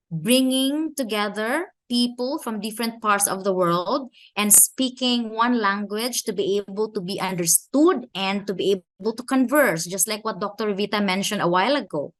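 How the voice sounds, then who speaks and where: A woman from the Philippines whose first language is Filipino gives an academic conference talk with a Filipino accent. Her medium-pitched voice is measured, slowing down to stress key phrases and questions, and the audio quality is poor.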